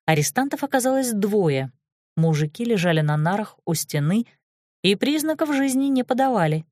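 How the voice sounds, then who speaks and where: A woman narrating an audiobook in the first person, brisk and expressive, on a close studio mic. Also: mid-range voice, dry recording.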